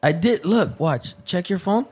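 A man's voice: high voice, animated, a little slow, darkish tone, husky. A middle-aged man hosting casual podcast banter, full of bro slang and joking, slipping between English and Spanish. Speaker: podcast host.

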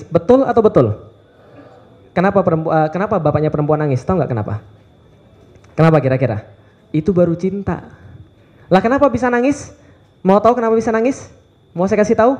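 A man in his thirties preaching to a live audience in a lively, playful way, firing off rhetorical questions. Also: high voice. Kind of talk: lively youth sermon. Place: event hall with live audience.

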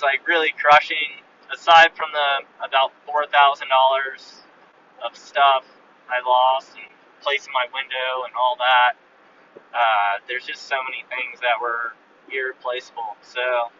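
A man with a hard, sharp-edged voice gives a relaxed road-trip update. He talks in a flat, even tone and rambles with lots of fillers. He recorded it on a phone held a little away, so it sounds muffled and a little distant, with faint vehicle noise behind him. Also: medium pitch. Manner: loose and rambling, with many fillers. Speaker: podcast host. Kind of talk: casual spoken road journal update.

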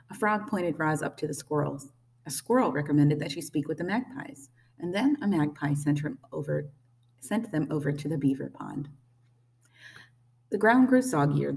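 A woman reading a children's novel aloud with lively, gently expressive storytelling. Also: low-pitched, creaky, recorded from a distance, low-quality recording. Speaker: storybook reader.

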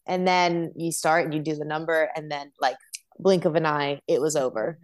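A woman's voice: low voice, fairly even intonation, moderate pace. A woman being interviewed as a dancer, talking in an eager, rambling way about her work. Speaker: guest dancer. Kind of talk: casual interview chat.

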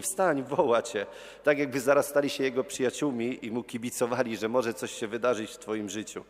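A priest giving a sermon, telling a Gospel story and acting out the crowd's and the beggar's cries. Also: male voice, mid-range voice. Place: church. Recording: church with long reverb.

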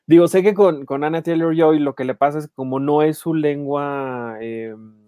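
Animated Mexican man telling stories. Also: a little high, normal speed, clear, resonant tone, no echo, studio quality. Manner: animated anecdotes, acts out quoted voices. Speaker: podcast co-host, film journalist. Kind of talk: casual chat, storytelling.

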